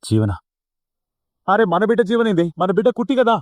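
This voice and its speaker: A man's voice: high voice, big pitch swings, a little fast, no room sound. A man voicing a grieving, hot-tempered village father with a Telangana accent, blunt and angry. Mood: disbelieving. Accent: Telangana Telugu.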